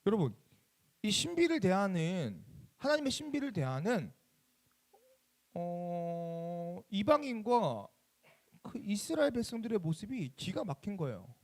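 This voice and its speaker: A man preaching a youth sermon in a church chapel, animated and keeps asking the audience questions. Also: high voice, unhurried, pauses often. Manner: animated, asks the audience many questions and acts out quoted voices. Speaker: youth pastor.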